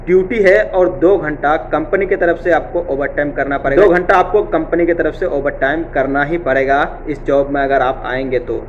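With a fairly high-pitched voice, a young job-vacancy channel host talks casually to his webcam in an indoor office. He keeps repeating reassuring phrases and the filler "theek hai", and the audio is dull with slight background noise.

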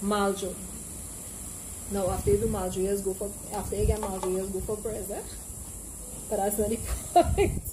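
Speaking at normal speed with frequent pauses, this young Trinidadian woman has a mid-range voice and a Caribbean accent. She teaches language and presents, offering a playful, casual explanation to camera from an open porch with trees behind, dropping in local dialect examples. Outdoor ambience can be heard in an otherwise clear recording.

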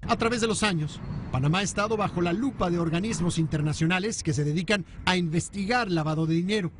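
High-voiced male news correspondent. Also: slight background noise. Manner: brisk, formal newscaster delivery. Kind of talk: news report and voice-over. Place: newsroom studio.

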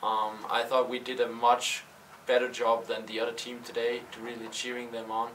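A young male college tennis player answers post-game questions in a press backdrop room, hesitant, with many fillers and restarts. His mid-range, slightly bright voice is completely flat at a normal speed, and the recording is slightly distant with faint room noise.

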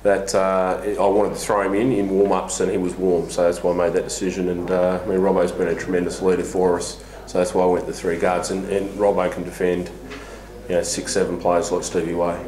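A middle-aged basketball coach speaks frankly at a post-match press conference in a small press room in front of a sponsor backdrop, full of fillers and restarts. His voice is low, a bit fast, a little mellow, with little pitch movement. A table mic on a stand picks him up in an echoey room with faint hiss.

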